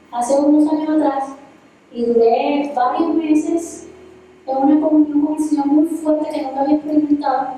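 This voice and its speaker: A woman's voice: sits high, mellow, slight background noise. A woman with a Venezuelan accent preaching a sermon in a church, earnest and personal, speaking to the congregation as "amado". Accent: Venezuelan Spanish. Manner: earnest, testimonial, addresses listeners as "amado". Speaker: worship leader preaching. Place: church hall. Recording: echoey hall, distant mic.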